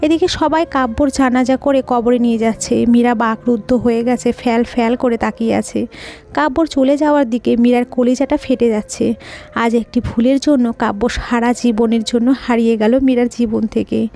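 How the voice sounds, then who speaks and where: A woman tells an emotional audio story in scripted narration. Her voice sits high and light. Her delivery is earnest and melodramatic. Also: fairly even intonation, normal speed, dark tone.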